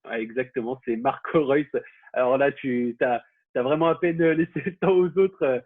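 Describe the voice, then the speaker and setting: A man's voice: medium pitch, moderate pace. A man hosting a casual football quiz, talking with many fillers and restarts. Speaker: quiz host. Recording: phone-like, husky, dry.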